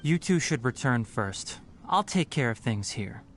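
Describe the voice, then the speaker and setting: Fantasy game forest scholar, played by a man: young male, lecturing, matter-of-fact, impatient, very varied pitch, light music underneath. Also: expressive, unhurried, close to an everyday voice. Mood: matter-of-fact, businesslike. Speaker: voice actor in a fantasy video game. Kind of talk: scripted game dialogue.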